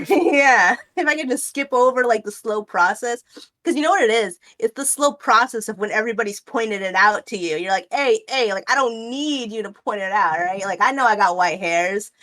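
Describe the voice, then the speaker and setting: A guest artist in her late twenties chats casually on a stream, rambling with plenty of fillers and restarts. Her voice is fairly high, a bit bright, and moderately paced.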